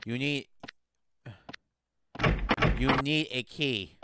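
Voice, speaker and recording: A man giving halting let's play commentary on a video game, repeating himself and trailing off. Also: mid-range voice, very noisy. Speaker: gamer.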